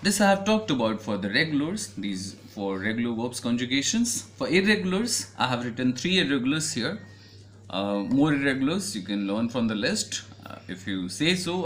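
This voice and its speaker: A man's voice: medium pitch, slight background noise. A man with an Indian English accent teaching a French grammar lesson, spelling out letters and patiently repeating each point.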